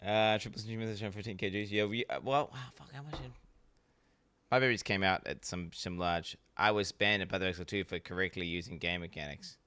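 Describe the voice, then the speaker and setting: A man reacts as a streamer in a casual, blunt way. His voice is forward and crisp, and he argues with plenty of swearing. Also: deep voice, fairly even intonation, brisk, pushed and bright. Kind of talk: casual livestream reaction commentary.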